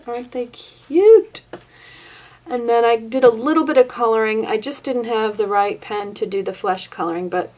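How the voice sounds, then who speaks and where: A woman's voice: mid-range voice, distant mic. Chatty woman, a bit off-mic. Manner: chatty, loose, with frequent ums. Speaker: paper crafter showing her swap cards. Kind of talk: casual craft show-and-tell. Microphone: camera pointed at her hands, away from her face.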